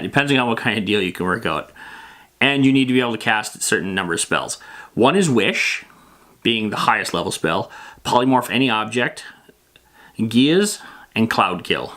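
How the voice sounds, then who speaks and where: Here a man hosting a tabletop roleplaying lore show gives a loose, improvised rundown of fantasy gaming, rambling in plain, matter-of-fact language. He has a lowish, expressive voice that's bright and forceful, at a moderate pace.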